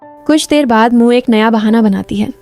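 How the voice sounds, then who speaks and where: Female recap narrator, slightly high voice, smooth and even scripted storytelling. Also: normal speed, faint music behind.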